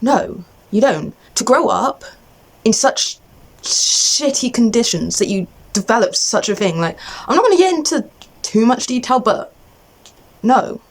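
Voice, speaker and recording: A woman's voice: a little high, sing-song, a little slow. A young adult woman in an agitated, exasperated rant to camera, venting off the cuff in a casual way and often cutting herself off. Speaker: vlogger.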